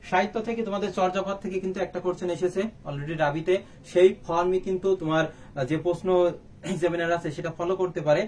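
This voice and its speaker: A high-pitched man teaches a live online exam-prep class, asking students questions and answering them himself. He sits a little back from the mic. A faint background hiss runs under his voice. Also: fairly even intonation, fast talker, darkish tone. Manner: quizzing, rhetorical questions and answers. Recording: faint background noise, slightly distant mic.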